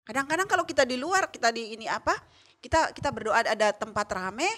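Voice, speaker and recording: A woman teaching a children's Sunday school lesson in a lively way, often asking the children questions. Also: a little high, fast talker.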